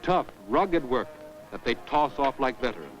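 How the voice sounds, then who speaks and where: A man's voice: mid-range voice, lively intonation, normal speed, rough recording. A man giving emphatic 1940s newsreel commentary, heard from an old wartime newsreel soundtrack. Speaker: newsreel announcer. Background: music.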